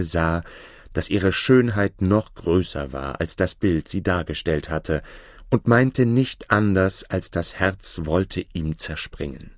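A man with a very low voice tells an old fairy tale at an unhurried pace. His pitch moves expressively through the story, and the recording is dry and close. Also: dry recording.

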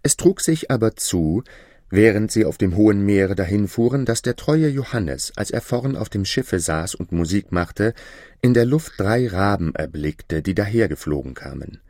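A man reading a fairy tale aloud in a deliberate, expressive storytelling manner. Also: on the low side, no echo, studio quality.

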